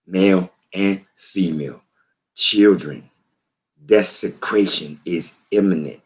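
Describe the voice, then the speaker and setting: A man with a very low voice speaks slowly and deliberately to the camera. He talks in a preachy, emphatic way and keeps repeating phrases to drive the point home. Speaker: vlogger. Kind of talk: slow spoken commentary to camera.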